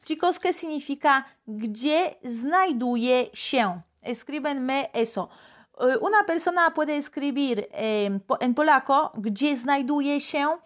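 A high-pitched woman leads a live online language lesson. She speaks slowly and repeats phrases for her viewers to copy. She is recorded on a phone or webcam for a live stream. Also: expressive. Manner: slow, drills phrases aloud and greets viewers. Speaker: Polish language teacher.

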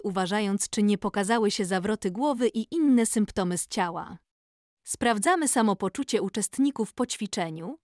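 A woman reading instructions for group exercises in a calm, measured scripted narration. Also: mid-range voice, no room sound, studio quality. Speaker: narrator of a training video.

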